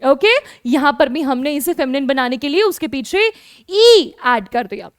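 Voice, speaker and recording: A woman with an Indian accent teaching French to children, repeating each word slowly and explaining patiently. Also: high-pitched, lively intonation, no echo, clean studio sound. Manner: addresses pupils as kids, explains patiently. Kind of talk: online lesson in Hindi.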